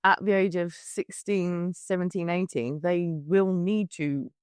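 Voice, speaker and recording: A woman's voice: on the low side, fairly even intonation, measured pace, a little mellow, smooth, no echo, clean studio sound. A woman co-hosting a podcast in casual chat, chatty and rambling. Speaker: podcast co-host.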